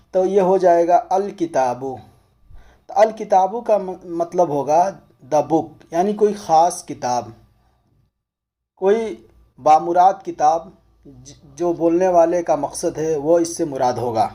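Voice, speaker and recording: A teacher with a Pakistani Urdu accent explains a lesson slowly and patiently, naming letters one at a time. His voice is fairly high and sits in a very bright, tense register. He works through each point in order, repeating key words. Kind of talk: recorded language lesson.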